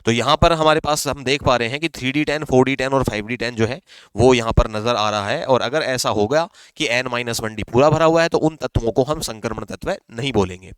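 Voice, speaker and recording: Man teaching chemistry, smooth dry voice. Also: mid-range voice, fairly quick, fairly bright tone, no echo. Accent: Rajasthani Hindi. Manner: explains step by step, asks and answers his own questions. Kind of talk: exam-prep chemistry lesson.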